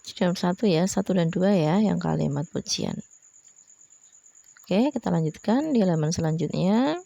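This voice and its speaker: A woman's voice: fairly low pitch, lively intonation, moderate pace, vocal fry, dark tone, no echo. A woman primary school teacher, patiently explaining a lesson to children and ending her phrases with a friendly "ya". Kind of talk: online class lesson.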